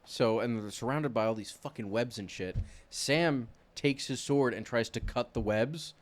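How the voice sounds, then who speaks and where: A man's voice: medium pitch, unhurried. Foul-mouthed man retelling a story. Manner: swears constantly while retelling the story; animated storyteller who acts out scenes in silly voices. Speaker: podcast co-host. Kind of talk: casual chat.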